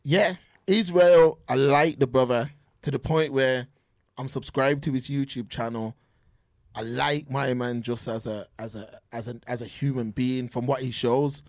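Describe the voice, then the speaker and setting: A man's voice: medium pitch, fairly even intonation, a little slow, a little mellow, no echo, clean studio sound. A man co-hosting a podcast over a remote call, giving his opinions in a casual, talkative way with frequent restarts. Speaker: podcast co-host. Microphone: remote call audio.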